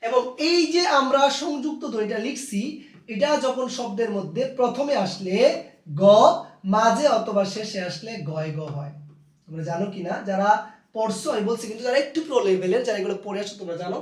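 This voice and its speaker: A man teaching a pronunciation lesson, addressing students fondly and slowly repeating each rule. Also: sits high, distant mic. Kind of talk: recorded Bangla pronunciation lesson. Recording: echoey room, voice off-mic.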